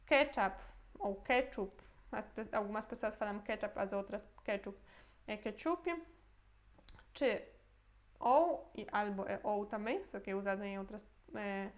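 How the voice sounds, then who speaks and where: A woman with a fairly high voice teaches a language lesson straight to camera. She works through examples patiently, repeating them and checking in with her viewers. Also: fairly bright tone. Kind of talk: explaining a grammar lesson to camera.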